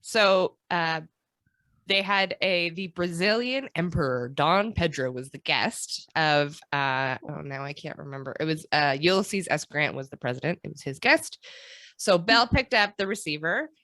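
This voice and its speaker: A woman's voice: low voice, animated, unhurried, a bit bright, dry recording. A woman co-hosting a podcast in casual chat, telling stories with lots of fillers and laughter. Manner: playful storytelling with frequent fillers and laughs. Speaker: podcast co-host.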